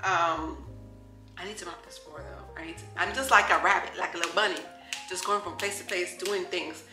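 A woman's voice: lowish voice, a little fast. A woman in her thirties from New York, chatting casually to camera in her home kitchen as a lifestyle vlogger, upbeat and talking straight to her viewers. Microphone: camera close on the counter. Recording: echoey kitchen with faint music.

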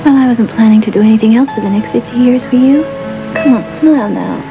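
A woman's voice: fairly high pitch, fast, music in the background, lightly acted, poor audio. An actress with a New York accent playing a feisty, mouthy young woman in a dubbed film. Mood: encouraging. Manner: brassy, mouthy.

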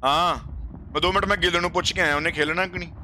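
Boisterous Punjabi man streaming, high bright voice. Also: fairly even intonation, very fast, slight background noise. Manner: boisterous, slangy banter with swearing. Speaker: game livestream host. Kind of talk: casual gameplay livestream chat.

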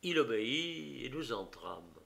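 A man narrating an audiobook of a detective story in a slow, dramatic reading. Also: mid-range voice, very animated, vocal fry, sharp tone.

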